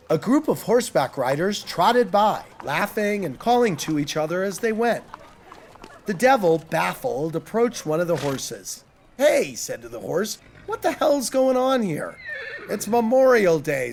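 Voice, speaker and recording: A male storyteller reads in a playful, expressive manner, his voice high and very animated. He leans into the comic turns with a bouncing delivery. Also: slight background noise. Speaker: narrator. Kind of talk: storytelling narration.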